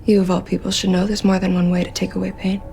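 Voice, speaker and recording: An actress playing a grieving, secretive young cultist sister in a horror drama, speaking in a hushed monologue. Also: female voice, medium pitch, level tone, fast talker, faint music behind, lightly acted. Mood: solemn, secretive.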